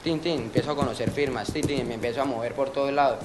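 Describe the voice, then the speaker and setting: A man's voice: mid-range voice, fairly even intonation, fast, a crowd in the background. A Colombian man in his early twenties being interviewed, telling a rambling street story full of slang and sound effects. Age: early 20s. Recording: noisy background.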